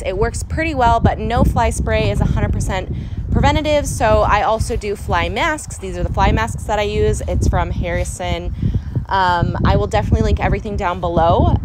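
In a casual vlog, a young woman from San Diego, California, chats enthusiastically about caring for her horses at an outdoor barn, repeatedly calling things "super important." Her medium-pitched voice moves at a normal speed over heavy background noise.

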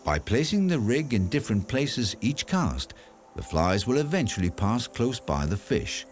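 A man giving calm, explanatory scripted narration for an outdoor documentary. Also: medium pitch, normal speed, slight background noise.

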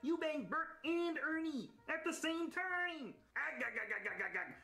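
A squeaky goofy kid. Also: expressive, normal speed, pushed and bright, soft background music, full character voice. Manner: goofy, giggly. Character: childish silly boy doing impressions.

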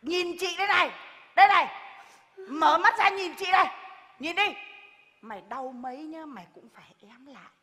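Bright, high-pitched woman as a nagging village neighbor; live stage sketch with hall reverb. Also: lively intonation, moderate pace, pauses often, exaggerated voice. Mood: scolding. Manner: scolding, lecturing, loud and exaggerated. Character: bossy preachy village woman, neighbor scolding a pregnant woman. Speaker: comic stage actor. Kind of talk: live stage comedy skit.

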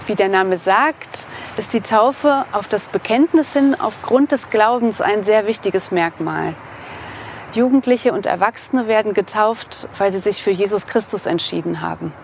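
A woman in her thirties from eastern Germany, calmly presenting to camera outdoors on a lapel mic. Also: medium pitch, unhurried, slight background noise. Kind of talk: scripted explainer to camera. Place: outdoors in a sunny park.

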